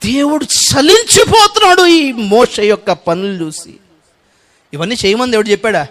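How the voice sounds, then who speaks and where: Impassioned high-voiced male preacher. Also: animated, moderate pace. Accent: Telugu. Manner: emotional preaching, swinging between loud cries and hushed pleading. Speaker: pastor. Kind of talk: sermon.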